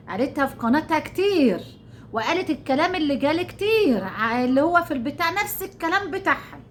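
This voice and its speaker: A woman's voice: high voice, fairly bright tone, slight background noise. A middle-aged Egyptian woman talking casually to her viewers, indignant and rambling, repeating her phrases. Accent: Egyptian Arabic. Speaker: YouTuber. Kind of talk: casual talk to camera.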